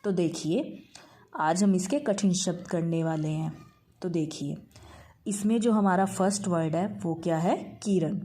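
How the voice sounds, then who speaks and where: A woman teaching a Hindi lesson to young schoolchildren. She talks patiently, calls the pupils "beta", mixes English words into her Hindi and draws out each word slowly. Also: lowish voice, mellow. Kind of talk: online class lesson.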